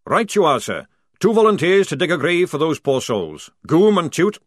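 A man reading an audiobook, voicing a gruff, bossy army sergeant who barks orders loudly. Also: on the high side, very animated, moderate pace, no echo, clean studio sound, voice pushed up. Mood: commanding. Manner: barking, commanding.

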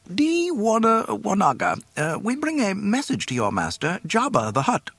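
C-3PO, a high, fussy golden robot. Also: male voice, huge pitch swings, moderate pace, gravelly, fairly bright tone, husky, no echo, full character voice. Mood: fretful. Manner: fussy, fretful, prim. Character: fussy, anxious golden male protocol robot.

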